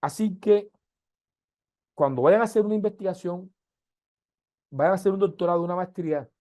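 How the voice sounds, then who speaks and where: A middle-aged man from Colombia with a softened Caribbean-coast accent, lecturing an online class over a video call and often checking in with "¿sí?". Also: high voice, no room sound, studio quality. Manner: explanatory, asks "¿sí?" often, with slow emphatic stretches. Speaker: university lecturer.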